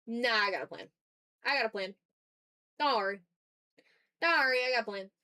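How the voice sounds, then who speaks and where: A woman with a slightly high, sharp-toned voice talks at a normal speed. She's an art streamer drawing live, chatting casually with viewers and muttering to herself as she works through each step.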